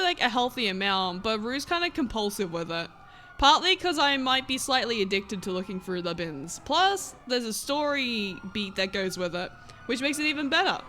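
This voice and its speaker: A woman's voice: on the high side, very animated, normal speed, pushed and bright, slight background noise. A woman streaming a roleplay game, chatting casually and giggling often while she plays at home. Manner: giggly, chatty, easily amused. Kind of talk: casual live-stream chat. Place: home room with a vacuum running.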